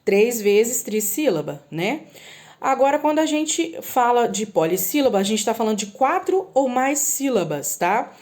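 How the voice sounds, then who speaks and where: A woman teaching a recorded lesson to young children, slowly drawing out example words and often checking in with them. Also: fairly high pitch, animated, a little mellow. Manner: patient, drawn-out word spelling with frequent "tá?" checks. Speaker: primary school teacher.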